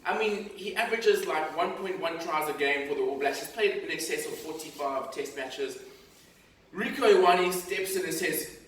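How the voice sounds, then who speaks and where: A man's voice: fairly high pitch, moderate pace, heavy reverb, far from the mic, slight background noise, low-quality recording. A man co-hosting a rugby talk show, teasing and joking in slangy casual banter. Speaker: podcast co-host. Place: studio.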